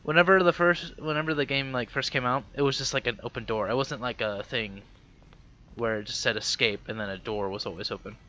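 A man's voice: mid-range voice, fairly quick, pushed and bright, highs cut off, a little hiss or hum. A young man thinking aloud while he plays a game, musing and hesitant. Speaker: gamer. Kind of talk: let's play commentary.

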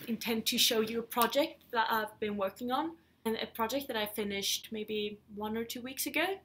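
Her voice a little high and a bit bright, a Swedish woman in her thirties talks at a moderate pace about knitting, casually and with some hesitation, as a podcast host. She's indoors in her living room at home, and a faint hiss or hum runs through the recording.

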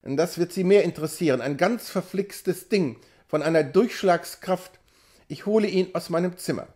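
A man's voice: high-pitched, moderate pace, dark tone, close to an everyday voice. A man reading an audiobook, voicing a brash, cynical young male patient with a nonchalant, mocking drawl. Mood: boastful.

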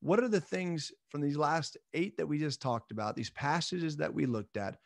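A man in his thirties with a fairly high voice gives an earnest, encouraging Bible lesson on webcam. The sound is dry and close, with no room around him. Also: normal speed, vocal fry, no echo. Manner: earnest, encouraging, jokes at his own slips. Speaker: church minister. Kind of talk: recorded midweek Bible lesson.

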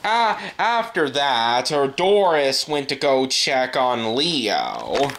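Amateur narrator, slow and stumbly, pitch goes all over. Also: very animated, fairly bright tone, a little hiss or hum. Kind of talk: fan-made video narration and parent voices.

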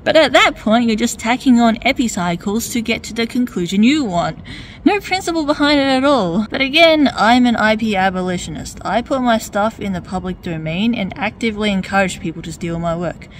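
A woman's voice: a little high, animated, normal speed, a little hiss or hum. A woman giving argumentative video commentary in a wry, debating tone, firing off pointed rhetorical questions. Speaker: video essayist.

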